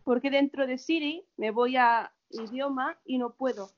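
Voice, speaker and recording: On a casual group video call, a woman with a high-sitting voice asks a question unhurriedly, politely and tentatively, restarting her sentences. The video call audio sounds dull and lo-fi.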